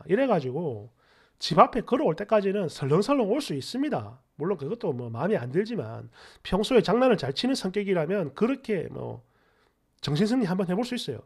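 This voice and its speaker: Lively man reading posts aloud. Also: high voice, a little fast, vocal fry, slightly rough. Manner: animated, mocking commentary. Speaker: story channel host.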